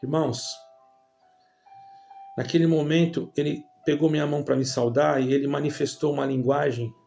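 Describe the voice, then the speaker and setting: A man's voice: a little high, fairly even intonation, normal speed, creaky, mellow, faint music behind. A Brazilian man with a Brazilian Portuguese accent telling a religious personal testimony, calling his listeners brothers in a rambling storytelling way. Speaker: church member giving testimony.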